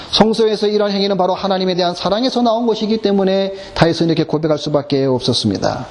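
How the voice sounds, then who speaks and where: A man's voice: very high-pitched, in a large hall. A man preaching a sermon as pastor, asking the congregation rhetorical questions. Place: church.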